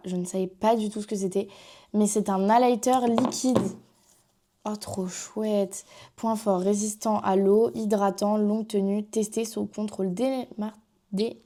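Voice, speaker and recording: A woman's voice: mid-range voice, dark tone. A young woman with a French accent chatting casually through a makeup haul, rambling with lots of fillers. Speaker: vlogger.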